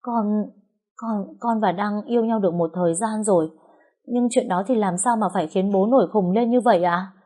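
A woman's voice: mid-range voice, moderate pace, warm tone, voice pushed up, lightly acted. A woman voicing a young woman who pleads tearfully and stands up to her father. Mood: defiant. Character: young woman, desperate and defiant lover.

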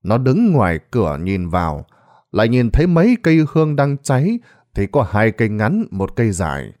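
A man's voice: mid-range voice, very animated, moderate pace, a little mellow. A man reading a ghost story aloud in a dramatic storytelling manner. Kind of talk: scripted narration.

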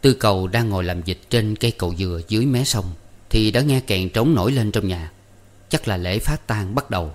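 A man narrating a story in a calm, even way. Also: lowish voice, brisk. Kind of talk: audiobook narration.

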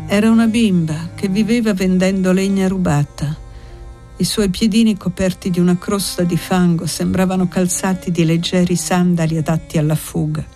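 A woman reads a classic novel aloud in a measured, expressive voice. Her pitch sits somewhat low, and faint music plays quietly beneath the narration. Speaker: audiobook reader. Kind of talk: literary audiobook narration.

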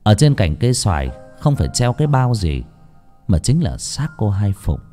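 Male audiobook narrator, low and warm, very expressive, faint music behind. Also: moderate pace. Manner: expressive storytelling.

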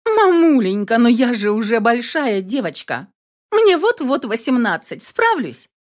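Woman doing a gushing excitable teen girl. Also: fairly high pitch, unhurried, voice pushed up. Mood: reassuring. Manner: gushing, coaxing, uses pet names. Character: bubbly teenage girl nearly eighteen, excitable, affectionate.

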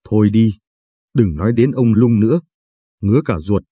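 A man doing a gruff peasant man, rough grumbling talk, low husky voice, dry sound. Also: lively intonation, moderate pace, dark tone, no room sound. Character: gruff, shy peasant man, blunt and sullen.

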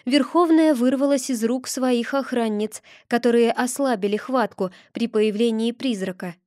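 A woman narrates a fantasy audiobook in the first person with lively, expressive storytelling. Her voice sits fairly high. The recording is dry and close, with no room sound. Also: moderate pace, dry recording.

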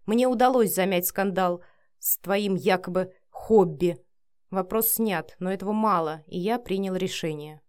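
A woman's voice: lowish voice, unhurried, darkish tone, smooth, close to an everyday voice. A woman reading the part of a cold, domineering young man who speaks curtly and with scorn in an audiobook. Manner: curt, commanding, sneering.

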